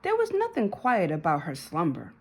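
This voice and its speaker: A woman with a lowish, husky voice reads a children's story aloud. Her storybook reading is expressive, full of dramatic emphasis and drawn-out words.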